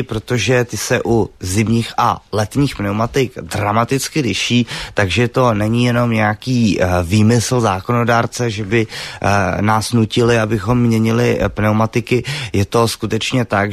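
Expert guest, male, low voice, halting delivery full of "eh"s, dry studio sound. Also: dry recording. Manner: hesitant, many filler sounds. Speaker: tire test expert guest. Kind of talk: radio call-in advice. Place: radio studio.

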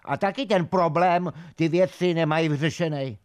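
A man's voice: on the high side, clear, resonant tone, lightly acted. A man playing an earnest know-it-all who lectures on strange science news and stumbles over words, in a comedy sketch. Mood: insistent.

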